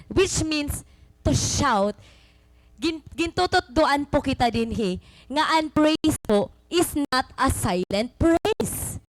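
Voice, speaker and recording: A young Waray Filipino woman preaching with a high, bright voice, close and dry with no room around it. She teaches animatedly, swapping between Waray and English and repeating key words to drive them home. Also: no room sound, poor audio. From Samar, Philippines. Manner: animated, mixing Waray and English mid-sentence. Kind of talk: sermon.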